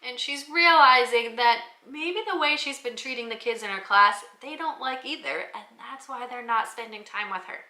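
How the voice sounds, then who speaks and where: A woman with a slightly high, sharp-toned voice speaks at a moderate pace with few pauses, her words echoing in a reverberant space. She's an educator giving an informal, conversational talk that explains her book recommendations for the classroom.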